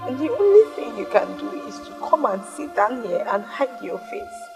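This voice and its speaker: A sharp-tongued young wife, nigerian accent, film drama, music behind. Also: female voice, fairly high pitch, big pitch swings, normal speed, vocal fry. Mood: scolding. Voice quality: sharp, scolding. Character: scornful young wife confronting her husband. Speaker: angry wife.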